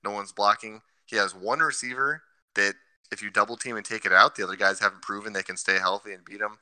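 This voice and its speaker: A man's voice: fairly low pitch, steady tone, fast, bright, forceful tone, no echo, poor audio. A man co-hosting a casual sports podcast, laying out his picks with stats and reasons. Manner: analytical, cites stats. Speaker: podcast co-host.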